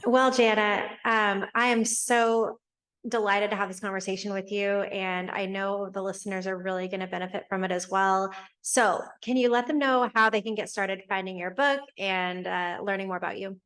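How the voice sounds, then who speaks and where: Woman podcast host, mid pitch, affirming and quick with questions. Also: steady tone, a bit bright. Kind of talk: interview conversation.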